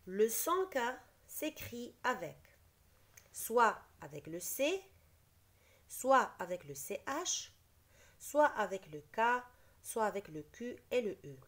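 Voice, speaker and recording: A woman's voice: fairly high pitch, sing-song, slow. A woman teacher explaining a spelling lesson, patiently reading words aloud and repeating each one. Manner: explains patiently, repeats each word, switches briefly into Arabic.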